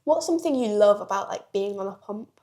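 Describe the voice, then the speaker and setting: A teenage girl hosts the podcast, asking questions and chiming in with quick agreement. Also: mid-range voice, lively intonation, mellow. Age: teens. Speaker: podcast host. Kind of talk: casual interview.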